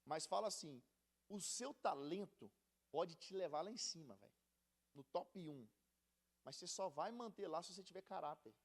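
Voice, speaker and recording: A man's voice: sits high, moderate pace. A man from Brazil with a Brazilian Portuguese accent, teaching a casual, slangy Bible study as a youth pastor. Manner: slangy and conversational, animated, calls listeners buddy.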